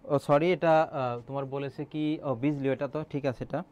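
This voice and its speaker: A man's voice: mid-range voice, steady tone, moderate pace, a little mellow, dull audio. Bengali man teaching a quiz class. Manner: quizzes students, repeats answers, frequent "ah" fillers. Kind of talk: online exam-prep class.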